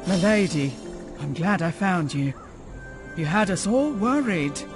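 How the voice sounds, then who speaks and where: A talking owl from a video game, devoted to the queen, speaks in a high, oddly lilting voice. Each word comes slowly and floats over a wide, melodic range. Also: big pitch swings, soft background music, heavily acted. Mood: relieved. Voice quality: odd, strange-sounding voice. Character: talking owl companion, male, caring and loyal.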